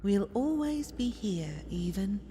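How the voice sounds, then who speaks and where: Game casting: clinging, eerily gentle mother, unhurried and mellow, in long reverb. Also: mid-range voice, animated. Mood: soothing, clinging. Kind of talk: scripted video game acting. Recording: long reverb, background noise.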